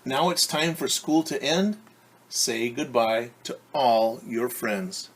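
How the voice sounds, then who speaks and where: A male preschool teacher reads a picture book aloud slowly in a mid-range voice, with a little background noise behind him. He explains the story to young children in simple, instructive words.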